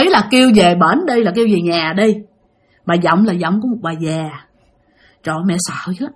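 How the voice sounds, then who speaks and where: A woman's voice: a little high, a bit bright. A woman with a Southern Vietnamese accent, casually telling a ghost story and talking straight to her listeners. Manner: chatty, addresses listeners directly.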